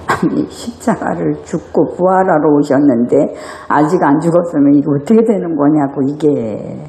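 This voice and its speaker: A woman pastor preaching a sermon in a church, animated and full of rhetorical questions. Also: sits low, moderate pace, reverberant. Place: church sanctuary.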